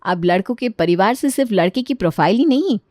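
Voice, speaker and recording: Woman storyteller, chatty narration, lively pitch, dry close sound. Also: a little fast, dry recording. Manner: chatty, addresses listener directly. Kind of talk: scripted narration.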